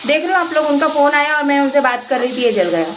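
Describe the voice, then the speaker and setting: A woman's voice: high voice, animated, fast talker, distant mic. A young woman, chatting casually with her viewers while she cooks, venting and explaining as she goes. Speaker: family vlogger and mother of two. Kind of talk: casual chat while cooking. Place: home kitchen. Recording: echoey room, light background noise.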